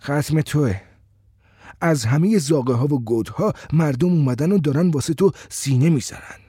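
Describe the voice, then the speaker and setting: A man's voice: on the high side, mellow, husky, no echo, studio quality. A man voicing a cheeky, daring young boy who teases and banters. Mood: excited. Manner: teasing, quick-tempered banter.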